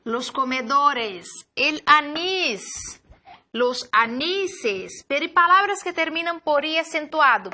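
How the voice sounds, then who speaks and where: A woman teaching a recorded class, saying each word slowly and carefully and often checking in with her students. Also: sits high, sharp tone. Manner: slow, careful model pronunciations of words; checks in with tag questions to students. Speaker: language teacher.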